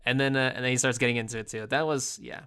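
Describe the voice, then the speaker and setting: A man co-hosting a podcast in relaxed, rambling chat, his voice bright and smooth. He fills his recaps with "like" and restarts. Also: mid-range voice, fast talker. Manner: rambling, acts out characters' lines in quotes. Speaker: podcast co-host.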